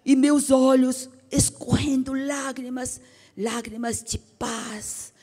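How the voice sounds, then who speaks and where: Woman, preacher, emotional testimony sermon, unhurried delivery, whispers and exclamations, long hall echo. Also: high-pitched, steady tone, slightly rough. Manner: dramatic, swings from hushed whispers to fervent exclamations. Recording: reverberant hall with soft music.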